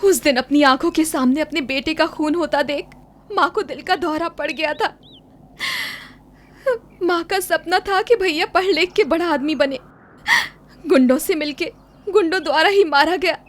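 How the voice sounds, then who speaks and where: Woman dubbing a grieving young woman, very high voice, sorrowful, confiding. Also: normal speed, pauses often, slight background noise, natural voice. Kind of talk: Hindi film dub acting.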